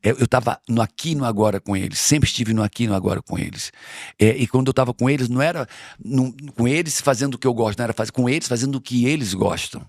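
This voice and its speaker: Earnest gravelly Brazilian man. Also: medium pitch, fast talker, no room sound, clean studio sound. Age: middle-aged. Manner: earnest, repeats phrases for emphasis. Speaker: interview guest. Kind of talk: conversational interview.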